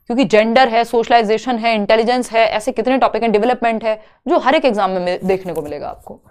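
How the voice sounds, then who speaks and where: A young woman teaches an exam prep class online, walking through questions step by step and answering her own questions. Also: on the high side. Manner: explains questions step by step, asks and answers herself. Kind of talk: online lecture.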